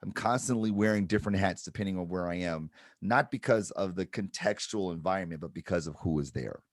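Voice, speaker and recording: A man's voice: low-pitched, brisk, no room sound. Reflective man, dry close sound. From Detroit, Michigan. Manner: reflective, explains with repeated "right?". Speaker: panelist, advertiser. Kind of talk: panel discussion.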